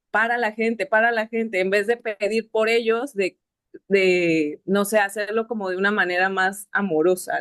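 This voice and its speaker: A woman's voice: mid-range voice, dry recording, studio quality. A woman sharing a reflective personal testimony, often ending phrases with a questioning tag. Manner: reflective, with many filler "no?" tags. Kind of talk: personal testimony at a spiritist study group.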